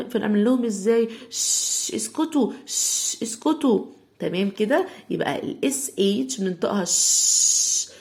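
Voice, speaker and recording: A woman with an Egyptian Arabic accent teaching English phonics, sounding out words slowly part by part. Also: mid-range voice. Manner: slow stretched sounding-out of word parts, loud on examples. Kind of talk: phonics lesson.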